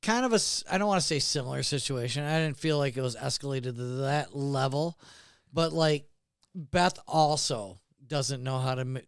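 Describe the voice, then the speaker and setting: A man's voice: mid-range voice, moderate pace, clean tone, dry recording, clean studio sound. A man in his thirties, a podcast co-host who jumps in with his own story in casual chat. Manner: chiming in with his own story, some repeated starts.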